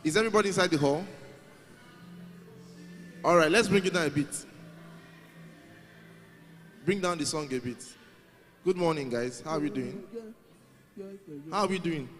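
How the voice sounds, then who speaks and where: A man's voice: a little high, moderate pace, long pauses, fairly bright tone, faint music behind. A man hosting a live youth event in a large hall, coaxing and calling out to the crowd. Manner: coaxing, calls out to the crowd, repeats himself.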